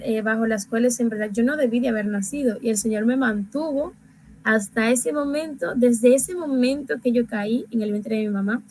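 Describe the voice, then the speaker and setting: A young woman talks through her faith in a reflective, conversational way, her voice sitting a bit higher than most. She slows to an unhurried pace when reading verses aloud. A faint hiss of background noise sits under the recording. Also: darkish tone, rough recording. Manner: reflective, reads scripture aloud slowly and deliberately. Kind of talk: casual devotional sharing.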